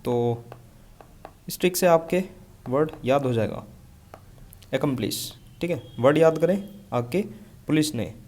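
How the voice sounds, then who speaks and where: Young guy teaching vocab, warm low-key tone, reads english definitions slow. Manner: mixes Hindi with slow, carefully read English definitions. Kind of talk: online lesson with memory tricks.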